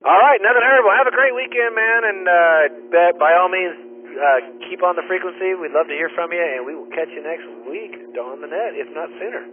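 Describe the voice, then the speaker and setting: A man hosting the net, his voice sitting a little high, coming through a thin, phone-like ham radio signal. Loud static runs under his words as he chats warmly and teasingly, stumbling over fillers. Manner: friendly, teasing, halting with fillers. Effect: ham radio transmission with static. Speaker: net control host. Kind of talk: casual radio chat.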